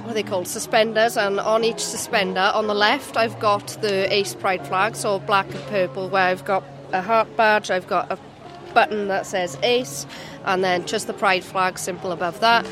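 A woman in her twenties with a South Wales Valleys accent talks in a casual interview. Her pitch is average, and music plays clearly behind her outdoors. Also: fairly even intonation, normal speed. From Merthyr Tydfil, south Wales. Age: 20s. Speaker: Pride attendee being interviewed. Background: music at an outdoor event.

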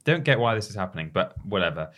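Male co-host, low and animated, reads and comments casually. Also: fast. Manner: reads news aloud with asides. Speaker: podcast co-host. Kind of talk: casual chat.

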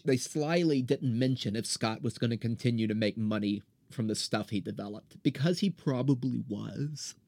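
A man's voice: medium pitch, darkish tone, no room sound. A man hosting a solo podcast, ranting in a blunt, profane, riled-up way and often restarting his words. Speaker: podcast host.

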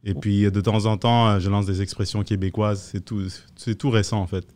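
A man's voice: on the low side, level tone, normal speed, darkish tone. A man from France with a neutral French accent, chatting casually as a comedian guest, hesitant with frequent fillers and English phrases. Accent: French, neutral international. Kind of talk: casual podcast chat.

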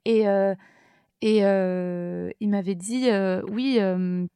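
A woman speaks at a middle pitch, winding through a long personal story with hesitant, self-deprecating asides. Her voice is close and dry, with no room sound around it. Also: fairly even intonation, slow, warm tone, clear, resonant tone, no echo. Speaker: podcast guest, first-time author. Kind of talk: casual storytelling.

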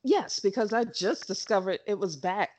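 A woman co-hosting a casual chat podcast over a call, animated and quick with asides, laughing often. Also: mid-range voice. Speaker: podcast co-host.

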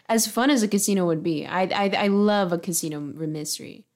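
A woman co-hosting a podcast in relaxed casual chat, tossing out playful ideas and backing up her partner with mm-hmms. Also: medium pitch, brisk. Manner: relaxed, backchannels with mm-hmm, playful suggestions. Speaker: podcast co-host.

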